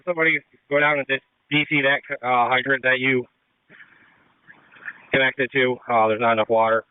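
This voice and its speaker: A man's voice: medium pitch, fairly even intonation, moderate pace, smooth, no echo. A man directing crews as a fireground officer in terse, procedural firefighter radio talk over a two-way radio. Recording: muffled narrow-band two-way radio.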